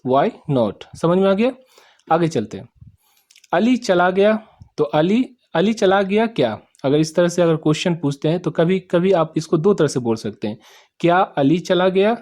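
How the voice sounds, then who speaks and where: A man teaching English sentences in Hindi, repeating each phrase slowly, spelling out words and often asking if students understood. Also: sits high, expressive, darkish tone. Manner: repeats each sentence slowly, checks "samajh mein aa gaya?"; spells and sounds out words letter by letter. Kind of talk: spoken English lesson explained in Hindi.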